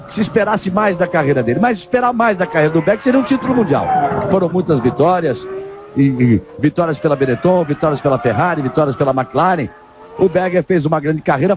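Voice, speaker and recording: A man with a Brazilian accent giving live television commentary as a motorsport commentator, calling a race. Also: on the high side. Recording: loud engine noise behind commentary.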